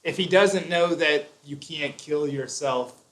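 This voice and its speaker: A man's voice: a little high, takes it slowly, a bit bright. Chatty opinionated man hosting a livestream. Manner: opinionated, explains at length with fillers and restarts. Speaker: live stream host. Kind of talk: casual live stream chat.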